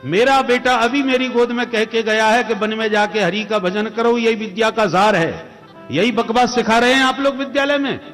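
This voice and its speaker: A man voicing a furious, tyrannical demon king who shouts threats. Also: a little high, animated, moderate pace, close to an everyday voice. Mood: angry. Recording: echoey hall with music.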